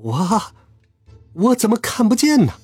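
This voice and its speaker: A man voicing a cowardly, panicky male gang boss who shrieks and begs in a husky voice. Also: high voice, wildly swooping pitch, a little slow, darkish tone, no room sound, soft background music, voice pushed up, heavily acted. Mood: terrified. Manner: shrieking, pleading.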